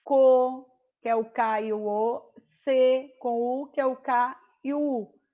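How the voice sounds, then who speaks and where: A woman's voice: a little high, steady tone, phone-quality sound. A woman teaching a primary school class online, patient and explaining step by step, checking often that the children follow. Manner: slow, patient, repeats and checks with "tá certo?".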